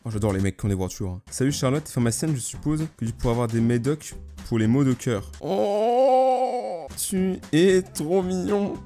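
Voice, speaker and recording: A man's voice: medium pitch, fast talker, mellow, soft background music. A young man, joking around in a casual vlog and reading messages aloud. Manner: playful, jokey, reads messages aloud. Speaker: YouTuber.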